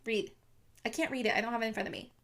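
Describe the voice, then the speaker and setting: A woman's voice: a little high, steady tone, rapid-fire, vocal fry, a bit bright. A young woman casually retelling a true crime story to her viewers on camera, chatty and full of fillers. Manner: chatty, lots of "like", talks to viewers.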